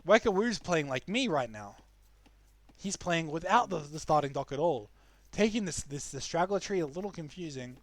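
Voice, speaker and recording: A man's voice: on the high side, lively intonation, normal speed, no room sound. Chatty New game caster, man. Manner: chatty, frequent restarts and fillers. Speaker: esports caster. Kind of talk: live game commentary.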